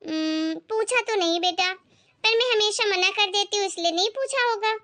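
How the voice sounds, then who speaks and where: A woman voicing a patient, doting older mother-in-law in an animated family skit, speaking in a soothing way. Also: very high voice, normal speed. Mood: gentle. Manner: soothing, calming her angry daughter.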